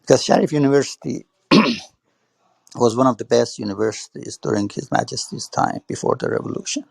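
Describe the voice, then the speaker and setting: A man's voice: medium pitch, fairly quick, creaky, darkish tone, husky, no echo. A man speaking in an online audio chat room, hesitant, repeating words and saying "you know" often. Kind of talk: casual spoken remarks.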